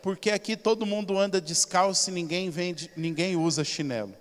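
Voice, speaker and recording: Preacher voicing a gloomy, defeatist salesman, high voice, church reverb. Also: normal speed, close to an everyday voice. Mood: defeated. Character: discouraged male slipper salesman.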